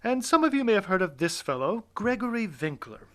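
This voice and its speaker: Hosting, directing and adapting a live audio play, a man narrates from backstage in a playful, effusive, mock-suspenseful theatrical style. His high voice swings widely in pitch, moves a little fast, and carries a slight hiss or hum.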